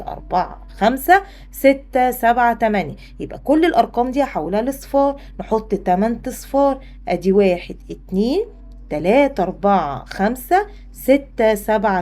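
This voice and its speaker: A woman with an Egyptian accent teaching a primary school math lesson, speaking straight to the pupil and acting out the pupil's answers. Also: fairly high pitch. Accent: Egyptian Arabic. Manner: lively, talks to the pupil, voices the pupil's replies.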